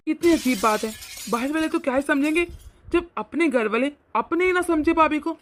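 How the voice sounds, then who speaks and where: A woman's voice: high voice, lively intonation, a little fast, slight background noise. A woman voicing an earnest young husband who patiently reasons and sounds exasperated in a cartoon story. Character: earnest young husband, loyal to his family.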